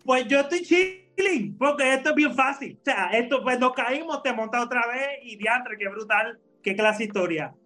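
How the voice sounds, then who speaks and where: A man's voice: very high-pitched, lively intonation, moderate pace, few pauses, pushed and bright. A man co-hosting a podcast, telling a story to friends in a casual way, laughing often and mixing in English words. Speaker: podcast co-host.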